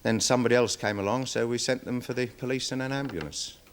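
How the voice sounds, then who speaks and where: An actor playing a nervous, deferential security guard testifying in a 1970s television courtroom drama, rambling with many fillers. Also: male voice, mid-range voice, steady tone, quick pace, lightly acted. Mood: worried, defensive. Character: nervous security guard witness, dog handler. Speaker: witness in court.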